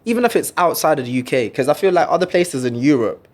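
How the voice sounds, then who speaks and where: A man in his 20s hosts a podcast, telling stories in a laid-back, slangy way as casual chat. His voice is a little high, sing-song, and fast.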